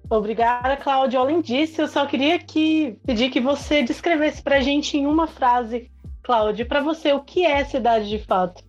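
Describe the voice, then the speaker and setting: A woman, hosting a university radio program, polite and measured. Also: high voice. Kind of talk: scripted host wrap-up. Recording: dull lo-fi sound with music.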